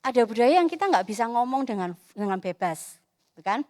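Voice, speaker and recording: Woman preaching to youth, high voice, dry sound. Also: a little fast, no echo. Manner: animated, acts out quoted voices. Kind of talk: casual youth sermon. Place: church.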